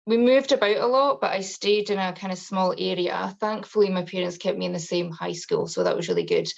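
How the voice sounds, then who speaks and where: Creaky-voiced Highland Scottish woman. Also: sing-song, fairly quick, lo-fi sound. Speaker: podcast guest, confidence coach. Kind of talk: casual interview, personal storytelling.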